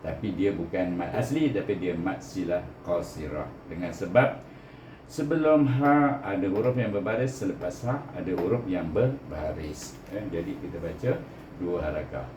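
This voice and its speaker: A Malaysian man with a fairly low voice gives a step-by-step recitation lesson. He over-enunciates, sounding out each syllable with a teacher's care. The room is clearly echoey, with faint noise behind him. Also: lively intonation, moderate pace. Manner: didactic, often ends points with a short "eh" tag. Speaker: Quran reading teacher.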